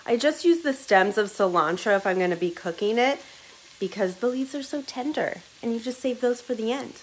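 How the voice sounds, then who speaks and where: A woman's voice: fairly high pitch, animated, fairly quick, slightly rough. A woman chatting enthusiastically through a casual cooking vlog in her home kitchen, filming on a phone in her hand. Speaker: home cook. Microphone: phone held in hand.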